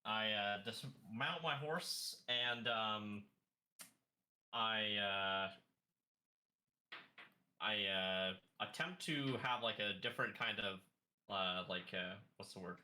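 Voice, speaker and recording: A man's voice: fairly low pitch, slow pace, pauses often, bright, forceful tone. A man playing a tabletop game, speaking hesitantly with many fillers. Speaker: player.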